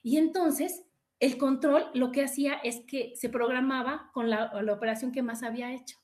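A woman with a Mexican accent hosting a podcast in casual chat, animated and often acting out what people say, with frequent tag questions. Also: high voice, normal speed. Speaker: podcast host.

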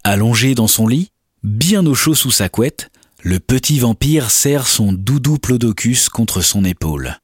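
A man's voice: medium pitch, lively intonation, unhurried, slightly rough, no room sound, clean studio sound. A man narrating a scripted children's bedtime story.

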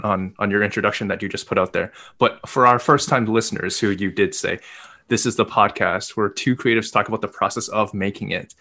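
Male co-host for casual chat show, lowish pitch with a bright, forceful tone. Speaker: podcast co-host, actor.

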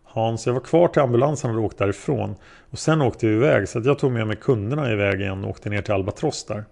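A man's voice: on the low side, creaky, a little mellow. Man reading as hesitant taxi driver witness. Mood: calm. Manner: hesitant, plain-spoken answers.

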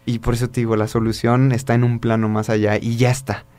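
A man's voice: mid-range voice, flat delivery, quick pace, darkish tone, clean tone. A man with a Mexican accent, co-hosting a podcast, telling a spiritual story in casual talk full of restarts and fillers. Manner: rambling with many restarts and fillers. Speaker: podcast co-host.

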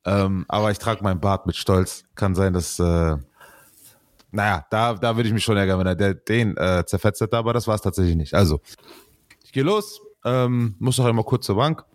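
A man's voice: fairly low pitch, moderate pace, dry recording, studio quality. A man casually telling a funny story in slangy street talk, laughing often.

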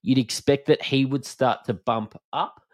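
A man's voice: mid-range voice, fairly even intonation, unhurried, dry recording, clean studio sound. Casual man with a broad Australian accent. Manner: informal, matey, slangy. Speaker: sports podcast host. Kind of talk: casual basketball analysis chat.

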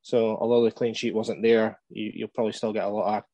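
Low-voiced man giving measured football tips. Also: little pitch movement, mellow, no room sound. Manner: measured, hesitant with frequent ums. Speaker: podcast co-host. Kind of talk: casual fantasy football podcast chat.

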